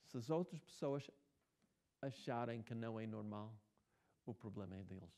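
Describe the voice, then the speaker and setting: American man telling halting anecdotes. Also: lowish voice, mellow. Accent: American English. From United States. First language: English. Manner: halting, many restarts and fillers. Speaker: writer being interviewed. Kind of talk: casual interview talk.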